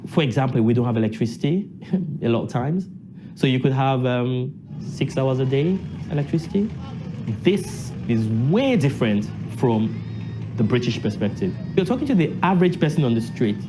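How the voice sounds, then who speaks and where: A man's voice: mid-range voice, animated, normal speed, over music. A man from Nigeria, talking emphatically in an interview, repeating phrases and asking himself questions. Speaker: university lecturer and assembly delegate. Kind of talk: casual interview.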